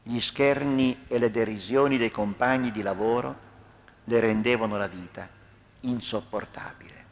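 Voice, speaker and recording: Man, narrator, dramatic storytelling, expressive delivery, middle pitch. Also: normal speed. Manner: expressive, acts out quoted lines.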